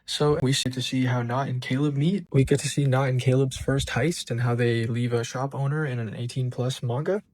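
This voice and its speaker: A man hosting his own channel, giving an excited, gushing breakdown of a new show's first episode with frequent ums and restarts. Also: medium pitch, normal speed, few pauses, rough recording. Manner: enthusiastic, gushing fan. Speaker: show reviewer and channel host.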